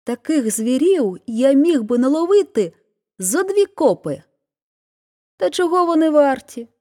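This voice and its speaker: A man's voice: sing-song, measured pace, a little mellow, exaggerated voice. A man voicing a boastful, self-important male donkey in a folk tale reading. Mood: smug lecturing. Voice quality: high, strained voice.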